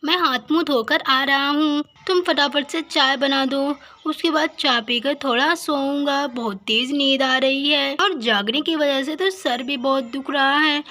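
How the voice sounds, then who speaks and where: A woman playing a caring village brother in a doll story, reassuring and protective. The voice sits high and sounds bright, close to her own. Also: unhurried, hardly any pauses. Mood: tired. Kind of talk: doll story role-play.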